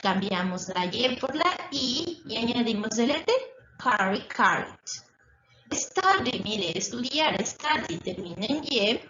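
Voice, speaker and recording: Slow-explaining woman teacher, echoey lo-fi. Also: a little high, lively intonation, fairly bright tone, slight background noise. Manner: slow, repetitive explaining with check-in questions. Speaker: English teacher. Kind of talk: recorded distance-school lesson. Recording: echoey, dull lo-fi room recording.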